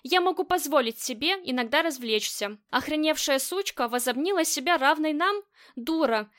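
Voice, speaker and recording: Audiobook: brutal male gang boss, menacing, barking orders, read by a high-voiced woman. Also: lively intonation, normal speed, fairly bright tone.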